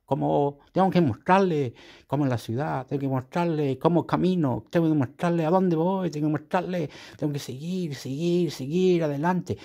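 A man's voice: fairly high pitch, moderate pace, creaky, warm tone. A man with a Chilean accent vlogging in a casual, rambling monologue, repeating himself and swearing casually. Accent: Chilean Spanish.

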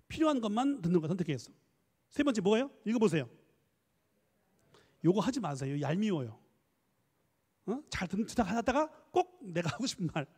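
A man giving a lively church lecture on counseling, coaxing the audience to read aloud and answer, switching between polite and casual speech. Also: high voice, slightly rough, long reverb tail. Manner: mixes polite and casual speech, quick asides. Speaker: professor leading a church training lecture.

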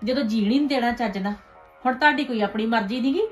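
Actress as meddling village aunt: high voice, gossipy, scolding, scheming; web series drama. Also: female voice, quick pace, faint music behind, lightly acted. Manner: gossipy, scolding, ends remarks with "haiṅ?". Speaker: paternal aunt.

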